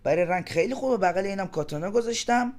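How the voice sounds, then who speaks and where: A man casually walking through game weapon loadouts, listing items in a relaxed, quick way. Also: high-pitched. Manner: relaxed, explains quickly in a list-like way. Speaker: gaming channel host.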